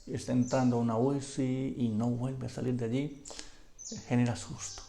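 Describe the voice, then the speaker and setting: A man preaching a sermon, asking his listeners rhetorical questions and dropping to a hush when he quotes scripture. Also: mid-range voice.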